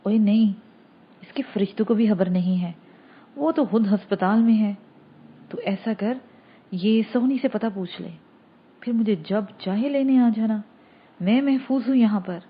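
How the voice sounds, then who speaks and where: A woman voicing an elderly village mother who comforts her son in a gentle, motherly way. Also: mid-range voice, long pauses, husky, phone-quality sound, lightly acted. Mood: reassuring.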